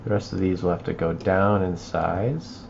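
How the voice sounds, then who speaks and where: A man walking viewers through a video edit on a livestream, thinking aloud and trailing off into quiet mutters as he works. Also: sits low, fairly even intonation, normal speed, vocal fry, lo-fi sound, noisy background. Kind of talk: live editing walkthrough.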